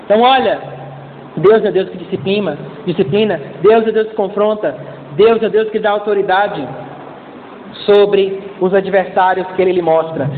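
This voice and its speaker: A man's voice: high voice, normal speed, a little hiss or hum. A man, preaching a conversational sermon as a pastor, calling out to the congregation and acting out little scenes in different voices. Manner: conversational preaching with acted-out voices and call-and-response. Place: church. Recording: echoey church hall over a tinny line.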